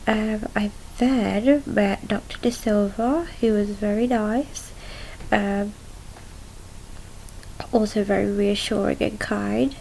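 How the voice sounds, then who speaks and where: Young woman, creaky voice, subdued and halting. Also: mid-range voice, steady tone, warm tone, slight background noise, poor audio. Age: young adult. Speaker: patient recording a video diary. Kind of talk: casual video diary recounting events. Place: small room at home, indoors.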